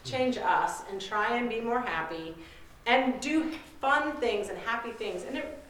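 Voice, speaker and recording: A woman's voice: fairly high pitch, expressive, unhurried, a bit bright, a little hiss or hum. A woman sharing a personal story in a candid, reflective way. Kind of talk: personal testimony. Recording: echoey room, from far off.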